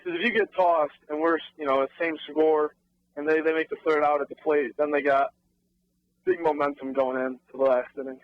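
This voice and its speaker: A man's voice: fairly high pitch, flat delivery, no echo. Candid male guest on a dull lo-fi line. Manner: candid, self-critical, halting with fillers. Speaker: guest, team coach. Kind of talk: casual interview chat. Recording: dull lo-fi recording.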